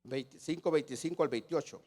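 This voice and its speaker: A man's voice: on the high side, fairly quick, darkish tone. A man, teaching a church sermon emphatically and repeating words as he searches for his phrasing. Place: church meeting.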